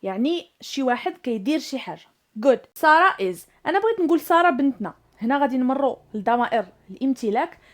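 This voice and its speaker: A high-pitched woman with a Moroccan Arabic accent teaches English grammar. She explains in Moroccan Arabic and slows way down, stressing each example sentence. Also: animated.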